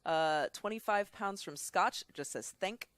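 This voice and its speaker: A woman's voice: medium pitch, a little slow, fairly bright tone, no echo. A woman with a Californian accent co-hosting a charity stream, chatting casually, laughing often and reading out donations. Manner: giggly, reads out donations. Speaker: stream co-host.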